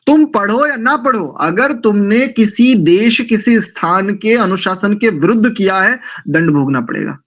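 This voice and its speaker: High-voiced man lecturing on scripture, lo-fi. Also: lively intonation, a little slow, few pauses, a bit bright. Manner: rhetorical, questioning, acts out quoted excuses. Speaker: scripture teacher. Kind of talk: Hindi religious lecture.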